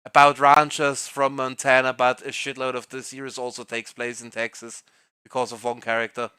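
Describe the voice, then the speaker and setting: A man's voice: mid-range voice, level tone, moderate pace, sharp tone, clean tone, no room sound. A man on a voice call, chatting loosely as game master while planning a tabletop game, swearing and tripping over his words.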